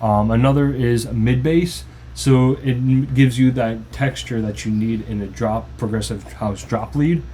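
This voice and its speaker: A man with a mellow, mid-range voice speaks in a steady tone at a measured pace, with a little hiss or hum present. He's a music producer giving a loose, informal tutorial on his own song, restarting as he explains, with faint music in the background.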